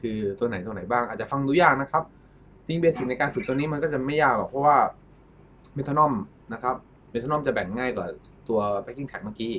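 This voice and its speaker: A man's voice: medium pitch, a little fast. A man giving a casual guitar lesson, politely explaining and counting syllables aloud while he plays. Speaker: guitar teacher. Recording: lo-fi with guitar playing. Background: guitar and backing track.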